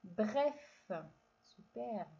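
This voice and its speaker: A woman's voice: a little high, expressive, vocal fry, warm tone, lo-fi sound. A woman teaching a reading lesson to young children, speaking patiently and stretching out syllables. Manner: slow, patient, drawn-out syllables, addresses child directly. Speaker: primary school teacher.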